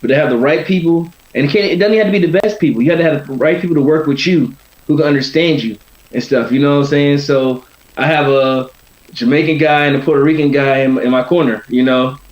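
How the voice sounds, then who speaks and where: A man's voice: a little high, fast. A man chatting casually as a boxer in an interview, rambling and often tagging on "you know". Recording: roomy, dull lo-fi sound.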